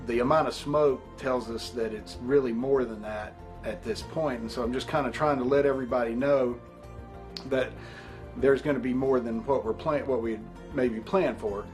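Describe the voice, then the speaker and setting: A middle-aged man, a fire officer explaining past events in a measured documentary interview. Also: medium pitch, fairly even intonation, a little mellow. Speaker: firefighter, company officer. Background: background music.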